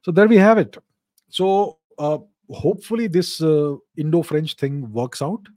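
A man's voice: on the high side, expressive, unhurried, mellow, dry recording. A man with an Indian accent giving opinionated, explanatory geopolitical commentary in an informal question-and-answer style, with emphatic points. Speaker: host of a live Q&A show.

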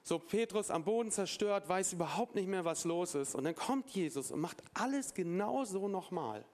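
Male preacher, slightly high voice, lively storyteller who acts out the dialogue, casual asides. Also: moderate pace. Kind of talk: sermon with Bible reading.

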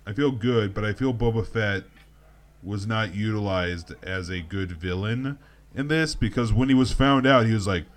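A man playing an awkward, tipsy alien in improvised comedy chat, halting and rambling. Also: lowish voice, lightly acted. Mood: musing.

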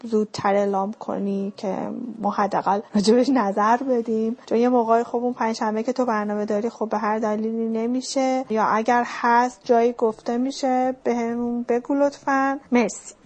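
A woman's voice: fairly high pitch, level tone, few pauses, darkish tone. A woman leaving a friendly voice message for a radio host, politely asking a question. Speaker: listener sending a voice message. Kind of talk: recorded listener message.

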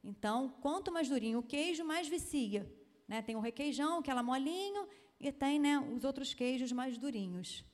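A woman's voice: sits high, animated, normal speed. Chatty woman pediatrician in a reverberant hall. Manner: chatty, frequent tag questions, emphatic. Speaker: pediatrician giving a talk. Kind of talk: lecture-style talk with slides.

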